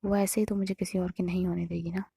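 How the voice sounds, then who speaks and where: A woman telling a story in a casual, conversational and hushed way. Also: fairly low pitch, flat delivery, quick pace, creaky, slightly rough, dry recording.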